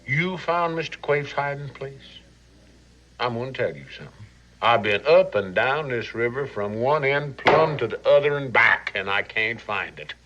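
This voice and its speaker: An actor playing a wily, boisterous river pirate captain in a western, with a folksy slow Southern American drawl and theatrical delivery. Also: male voice, mid-range voice, lively intonation, sharp tone, lo-fi sound. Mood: sly, gleeful. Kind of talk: scripted western screen acting.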